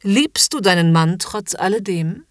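A woman's voice: mid-range voice, expressive, unhurried, dry recording, studio quality, close to an everyday voice. A woman voicing a haughty, domineering upper-class lady in a commanding, mocking whispered role-play.

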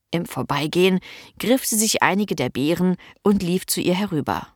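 A woman reading a story aloud as narrator with expressive storytelling. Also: fairly low pitch, no echo, clean studio sound. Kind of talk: audiobook narration.

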